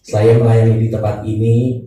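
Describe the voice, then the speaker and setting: A man from Thailand serving as pastor, praying and then preaching a sermon in a church service and inviting the congregation to answer back, unhurried and with pauses. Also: fairly low pitch, flat delivery, dark tone, a little hiss or hum. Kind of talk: sermon with opening prayer. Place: church worship hall. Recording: very echoey hall, mic at a distance, faint music.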